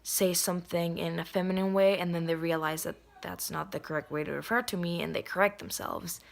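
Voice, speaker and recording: At home indoors, a young adult nonbinary vlogger whose first language is Spanish chats casually to the camera. Their mid-range voice is a little hoarse and raspy, steady in tone and a little fast, and the talk is earnest and full of ums and likes.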